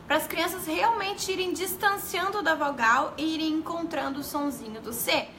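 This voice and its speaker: A woman's voice: very high voice, moderate pace, pushed and bright, slight background noise. A woman teaching a live class about early literacy in a chatty way, talking straight to her viewers and often stopping to correct herself. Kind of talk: casual live-stream teaching.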